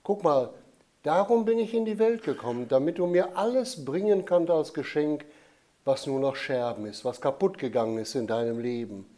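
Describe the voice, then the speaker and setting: A man voicing a gentle, patient holy child in a storybook tale, speaking softly and calmly. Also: normal speed, close to an everyday voice. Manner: soft, low, calm and explaining.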